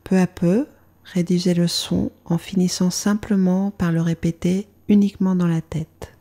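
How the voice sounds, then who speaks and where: A yoga instructor leads a guided meditation, her voice calm and soothing with soft phrase endings. She speaks on the low side at a moderate pace.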